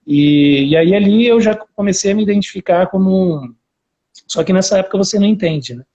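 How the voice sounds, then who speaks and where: An interview guest on a live video call, this researcher of about forty chats freely about his own story in an interior São Paulo Brazilian Portuguese accent. His high-pitched voice is warm, with lively intonation and a fairly quick pace.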